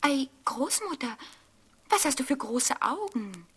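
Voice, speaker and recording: A woman's voice: high-pitched, very animated, unhurried, a bit bright, slightly rough, voice pushed up, exaggerated voice. A woman voicing a trusting, innocent little girl in a fairy tale. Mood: wondering.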